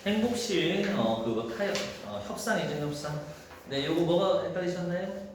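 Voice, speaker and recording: A man teaching a high school Korean class, talking casually through exam questions and thinking aloud. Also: lively intonation, moderate pace. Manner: casual, thinks aloud, acts out quoted dialogue in a raised voice. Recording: echoey room with faint noise.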